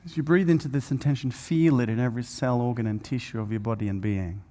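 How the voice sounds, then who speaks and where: A man's voice: mid-range voice, fairly even intonation. Man guiding breathwork in a hall. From Norway. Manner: soft, slow guiding voice with many fillers. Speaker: speaker guiding a breathwork session. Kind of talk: guided breathing meditation. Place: large event hall with live audience. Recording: long hall reverb.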